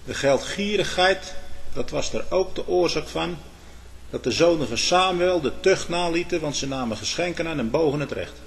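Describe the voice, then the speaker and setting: An animated, creaky male voice preaches at a moderate pace, with a little hiss or hum audible. His sermon leans hard on key words, which jump in pitch and volume, and he addresses listeners directly with quick "hoor" and "hm?" asides.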